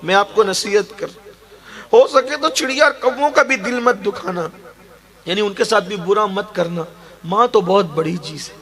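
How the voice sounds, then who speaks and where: A male preacher with a high voice delivers a sermon full of storytelling. He speaks emphatically and repeats phrases to press his points home. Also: a bit bright. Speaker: Islamic preacher.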